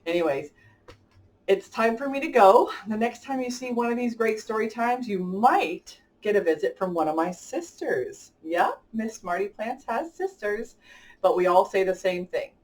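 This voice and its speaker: Sounding a little way off the mic, a woman hosts story time for children, speaking with enthusiasm right to her young audience as she reads a picture book and chats. Her voice is mid-range, lively in intonation, and at a normal speed.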